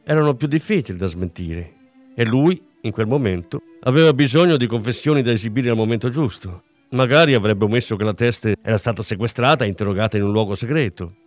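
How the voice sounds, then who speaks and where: Expressive male audiobook narrator. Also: medium pitch. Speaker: audiobook reader. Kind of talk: scripted narration.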